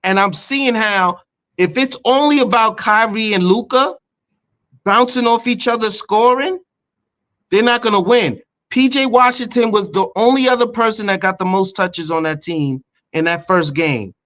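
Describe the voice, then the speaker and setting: A man makes his case on a sports podcast. His voice sits high for a man, and he presses each point hard and circles back to it again and again. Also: moderate pace, a bit bright. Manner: emphatic, insistent, repeats points. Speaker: podcast co-host. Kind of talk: casual sports debate.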